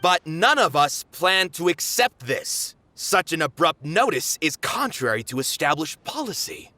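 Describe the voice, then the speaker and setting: An actor playing a protective middle-aged theater manager in a game, firm and reassuring. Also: male voice, on the high side, very animated, unhurried, sharp tone, no room sound, heavily acted. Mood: protesting.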